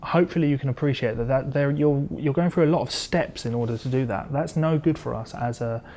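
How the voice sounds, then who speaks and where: Brisk and warm, a medium-pitched male voice leads a guitar lesson, explaining each step conversationally. Electric or acoustic guitar can be heard behind him, along with slight background noise.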